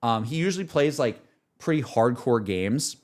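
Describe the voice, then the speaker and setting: This game streamer's mid-range voice has lively intonation, a normal speed, and a somewhat dark tone. Casually chatting on his livestream, he reflects emotionally on games, earnest and emphatic, rambling in loops that return to earlier points.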